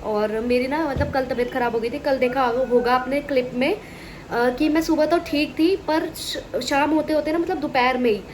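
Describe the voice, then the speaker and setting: A woman's voice: sits high, moderate pace, darkish tone, a little hiss or hum, poor audio. A woman with a cold chatting casually to her viewers in a family vlog, rambling from one thing to the next. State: sick with a cold and fever. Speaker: vlogger.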